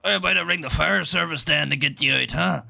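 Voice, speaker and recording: A man roleplaying in a game, gruff and impatient, swearing constantly. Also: on the high side, fast talker, sharp tone. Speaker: roleplay player in a job interview.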